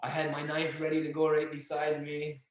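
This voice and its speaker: A young man telling a story as a podcast guest, casual and animated, acting out the voices of the people in it. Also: fairly high pitch, moderate pace. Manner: animated, acts out dialogue and yelling. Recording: echoey room.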